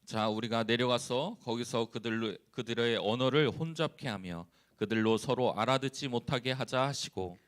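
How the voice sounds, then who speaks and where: A man who is a church evangelist, leading a responsive scripture reading and then preaching calmly with frequent hesitations. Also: mid-range voice. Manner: calm, unhurried, with frequent hesitations.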